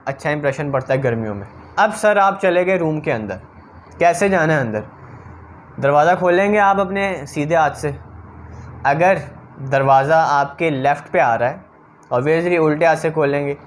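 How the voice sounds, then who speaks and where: A man coaching interview candidates, talking straight to his viewers in a direct, advising way. His voice sits on the higher side for a man. A faint hum of noise runs under the recording. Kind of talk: instructional talk to camera.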